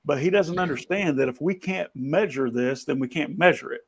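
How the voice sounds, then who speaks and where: A man with a fairly high, gravelly voice, hosting over a video call. He tells stories animatedly, restarting often as he goes. The sound is casual and conversational. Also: moderate pace. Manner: animated anecdotes with frequent restarts. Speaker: podcast host. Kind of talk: conversational storytelling. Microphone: video call camera.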